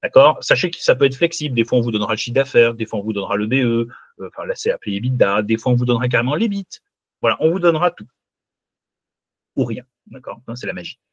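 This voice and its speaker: Guiding students through a spreadsheet in a live online class, this male finance teacher keeps things lively, frequently asking "d'accord?" to confirm they're keeping up. His mid-range voice moves at a quick pace. The sound is dry, with the highs cut off.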